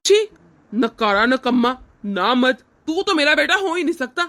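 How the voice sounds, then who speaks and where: Brisk and expressive, this woman's high voice, a bit bright, portrays a cruel, overbearing old man in an animated family drama. The character drips contempt, sneering, menacing, and snapping out commands.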